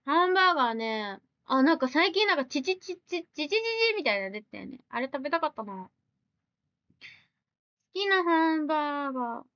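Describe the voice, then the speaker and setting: A woman with a high, bouncy voice that swings widely in pitch, chatting on a live stream. She reads viewer comments and answers them with blunt, teasing comebacks. The sound is dry and a little dull, like a small home mic. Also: lively intonation, pushed and bright, no room sound. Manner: blunt, teasing retorts mixed with quick questions.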